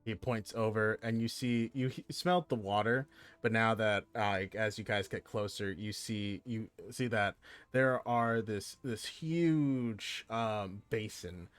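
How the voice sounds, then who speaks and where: A man's voice: on the low side, unhurried, a bit bright, smooth, dry recording. A man narrating as game master in a casual, meandering way, full of fillers and restarts. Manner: meandering, heavy use of fillers.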